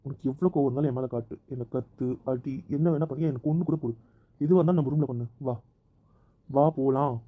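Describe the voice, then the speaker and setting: A man's voice: medium pitch, fast, mellow, lightly acted. A man playing a possessive, hot-tempered young husband who keeps demanding that his wife come back to their room, in an amateur audio drama. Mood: insistent. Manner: insistent, stubborn, repeats his demands.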